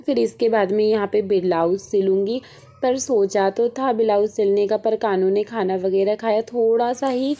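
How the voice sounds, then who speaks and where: A tired-sounding young vlogger with a Malwi Hindi accent chats about her daily life from her home kitchen. She speaks at a moderate pace in a warm, medium-pitched voice, rambling homely and chatty with many fillers.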